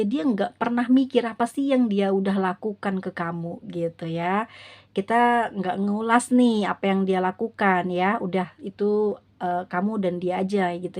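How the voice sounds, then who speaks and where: A woman's voice: medium pitch, a little mellow. A woman with an Indonesian accent doing a casual, chatty tarot reading for her viewers, often repeating tag words and voicing what another person might be thinking. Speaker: tarot reader.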